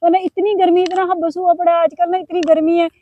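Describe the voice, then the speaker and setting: A middle-aged Pakistani woman vlogs casually with a sore throat, complaining and confiding in her viewers. She talks fast in a very high voice with a flat delivery. The audio is dry and tinny, like a phone.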